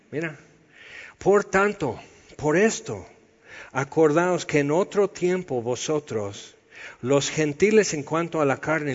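A man preaching a sermon, teaching in a conversational, explanatory way. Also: fairly high pitch. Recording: dull sound with long hall reverb.

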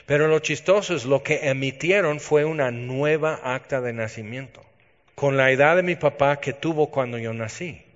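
A man with a Mexican accent preaches in a relaxed, conversational way. He tells personal stories with a teasing sense of humor. His voice is mid-pitched and trails into a long hall reverb, and the recording sounds slightly dull. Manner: chatty, storytelling, self-teasing humor. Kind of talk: conversational sermon.

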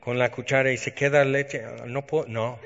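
A man's voice: medium pitch, little pitch movement, normal speed, fairly bright tone. A man with a Mexican accent giving a conversational sermon, telling stories with self-teasing humor. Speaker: preacher. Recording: dull reverberant hall sound.

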